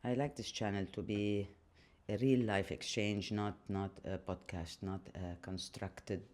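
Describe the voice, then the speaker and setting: A man speaking an unscripted personal monologue while washing dishes, reflective and hesitant, with frequent pauses. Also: lowish voice, steady tone, a little mellow. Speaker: channel host.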